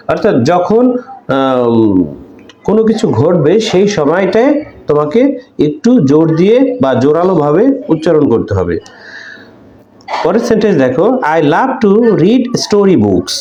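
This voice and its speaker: A man teaches an English textbook lesson, explaining in Bengali and then reading English sentences very slowly, leaning on the stressed words. His voice is mellow and rather high, with a lively, swinging pitch. The recording sounds echoey, like a bare room. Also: highs cut off, slight background noise. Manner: hesitant fillers between phrases.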